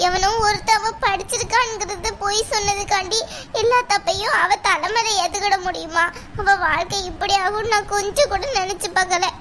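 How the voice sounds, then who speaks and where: Woman playing a mournful cartoon mother, middle-aged, plaintive, self-blaming, very high voice, hissy noisy track. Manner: lamenting, plaintive. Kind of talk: cartoon voice acting.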